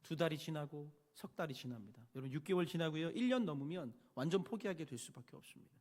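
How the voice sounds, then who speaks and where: Animated male pastor preaching in reverberant hall. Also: fairly high pitch, fast. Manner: animated storytelling, swinging from hushed to loud. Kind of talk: sermon.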